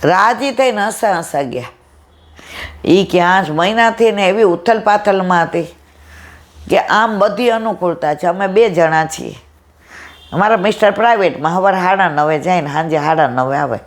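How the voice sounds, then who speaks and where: Speaking with a lowish voice at a moderate pace, a woman shares a devotional satsang talk. Warm and affectionate, she narrates a past conversation and keeps calling her listeners "my dear".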